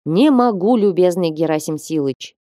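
A woman's voice: lowish voice, lively intonation, moderate pace, dark tone, no echo, close to an everyday voice. Unyielding male merchant, coaxing and proverb-quoting, dry close sound, read by a woman. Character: wealthy domineering male merchant, sly and coaxing.

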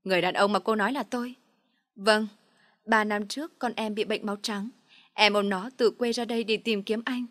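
A woman's voice: mid-range voice, steady tone, moderate pace, no echo, clean studio sound, close to an everyday voice. A woman doing a desperate tearful mother. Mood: submissive. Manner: begging, sobbing pleas.

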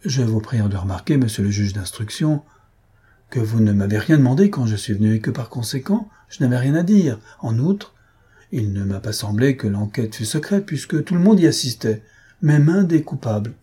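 A man voicing a clever, polite teenage schoolboy in an audiobook, speaking softly and courteously. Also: medium pitch, expressive, moderate pace, husky. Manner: soft-spoken, infinitely polite. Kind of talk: audiobook character reading.

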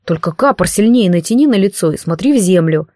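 A woman's voice: on the low side, animated, a little fast, mellow, dry recording, clean studio sound, natural voice. A woman voicing a timid, easily scared young male servant who stammers, in an audiobook. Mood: advising. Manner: nervous, stammering. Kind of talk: audiobook character voice.

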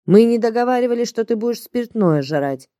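A woman's voice: a little high, animated, fairly quick, dark tone, no room sound, voice pushed up, close to an everyday voice. A woman reading the part of a blunt, crude, bossy male handler in an audiobook, in a dry, close recording. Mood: threatening. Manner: blunt, rude, slangy and bossy. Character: gruff, crude middle-aged male agency handler.

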